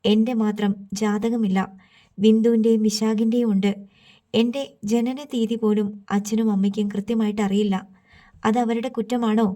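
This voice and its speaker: Storybook figure: a hurt, bitter daughter, read by a woman narrator, low-key and flat. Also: normal speed, natural voice. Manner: bitter, accusing questions. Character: hurt young woman, resentful toward her parents.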